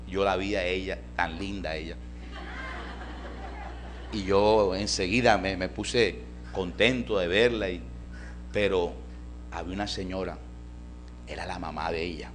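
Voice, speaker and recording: A male pastor preaching a storytelling sermon in a church, folksy and animated, often calling his listeners brother. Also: low voice.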